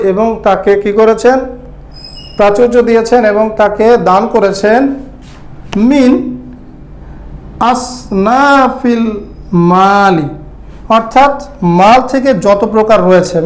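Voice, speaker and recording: Echoey man teaching grammar step by step. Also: high-pitched. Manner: explains step by step, often checks "right? clear?". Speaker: Arabic teacher. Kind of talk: online grammar lesson.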